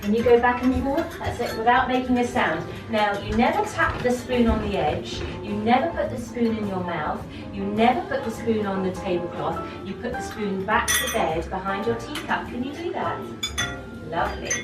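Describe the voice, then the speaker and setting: A woman teaching etiquette to a young group, prim, polite and gently encouraging. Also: fairly high pitch, animated, moderate pace. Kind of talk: instructional talk to a young group. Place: echoey indoor tea room with clinking china. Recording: echoey room, distant mic, loud music, clinking dishes.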